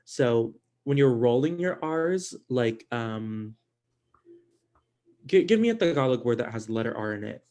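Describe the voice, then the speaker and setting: A man teaching an online language class in a casual, halting way, with many fillers and restarts. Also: medium pitch, animated, a little mellow.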